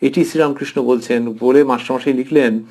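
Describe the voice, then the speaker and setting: A professor gives a devotional lecture commentary in a steady, medium-pitched male voice, reflective and tender. He pauses thoughtfully, uses soft fillers, and slows down to linger on phrases.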